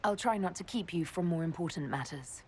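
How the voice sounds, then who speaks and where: An actress playing a composed female leader in a video game, speaking calmly and diplomatically. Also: lowish voice, a little fast, a little hiss or hum, close to an everyday voice. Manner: calm, diplomatic. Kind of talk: video game cutscene acting.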